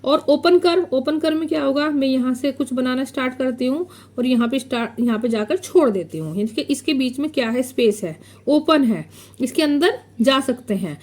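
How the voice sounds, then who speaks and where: A woman teaching a maths lesson. She explains step by step while drawing, poses questions and answers them herself, and repeats key terms slowly. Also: high voice, lively intonation, darkish tone. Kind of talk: classroom lesson explaining geometry.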